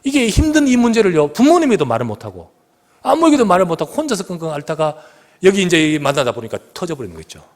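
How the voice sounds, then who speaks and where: A man preaching a sermon as pastor of his church, telling a story with sudden loud emphatic rises and hushed drops. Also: high-pitched, sing-song, fast. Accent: Korean. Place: church sanctuary.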